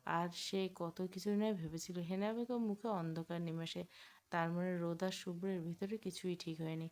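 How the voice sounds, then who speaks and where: A woman narrates a romantic audio story in a scripted reading. She names each speaker before their line. Her voice sits fairly low for a woman. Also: fairly even intonation, moderate pace, a little mellow.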